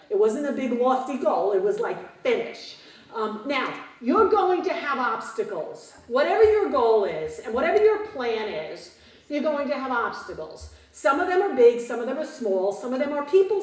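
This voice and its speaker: Her voice a little high, a fiftyish woman delivers a rousing keynote to conference-goers, full of energy and frequent questions for the crowd. The sound comes from a distant mic in a roomy hall.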